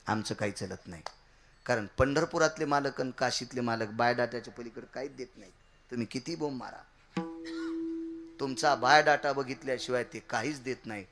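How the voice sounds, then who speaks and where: A man preaching a devotional kirtan sermon, swinging from loud shouts to low murmurs and repeating key words for emphasis. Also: a little fast.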